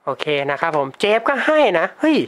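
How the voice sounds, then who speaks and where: A man's voice: a little fast, fairly bright tone. A teenage boy talking casually and chattily in a prank vlog, laughing often and using slang. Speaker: YouTuber prank caller. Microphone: desktop computer mic.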